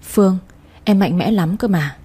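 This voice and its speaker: A caring older woman friend in a storybook reading, speaking gently and soothingly, as a woman reader voices her. The tone is mellow and slightly husky. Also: medium pitch, normal speed, close to an everyday voice.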